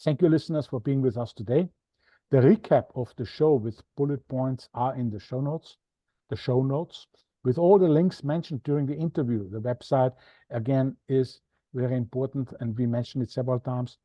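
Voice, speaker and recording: Signing off his interview podcast, an Austrian-accented host sounds chatty and a bit self-deprecating. He speaks at a moderate pace with a medium-pitched, warm voice and no room sound, though the recording itself is dull, dry and lo-fi.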